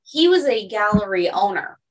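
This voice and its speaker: A woman's voice: medium pitch, sing-song, normal speed, recorded from a distance, slight background noise, poor audio. Brief: woman podcast host, storytelling, laughs a lot, slightly off-mic. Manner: chatty storyteller, laughs often. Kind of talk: casual conversational interview.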